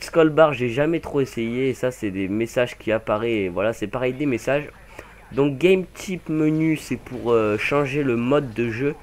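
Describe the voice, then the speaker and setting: A young man walks through a game menu in loose, rambling commentary, often stopping to fix his words. His voice sits at an ordinary middle pitch. A faint noise hangs under the home mic recording. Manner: rambling, hesitant, many fillers and self-corrections. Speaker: gaming channel host. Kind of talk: casual gameplay commentary.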